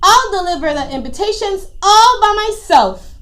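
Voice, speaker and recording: A woman's voice: very high-pitched, lively intonation, normal speed, a bit bright, pitched above the performer's own voice. A woman voicing a bossy, hardworking female iguana who pleads and grows exasperated. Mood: insistent. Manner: exasperated, pleading, mixes Spanish words.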